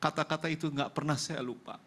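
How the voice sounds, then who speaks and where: A man's voice: on the high side, level tone, quick pace, fairly bright tone. A male pastor with an Indonesian accent giving an emotional testimony sermon in church, acting out the dialogue of the people in his story.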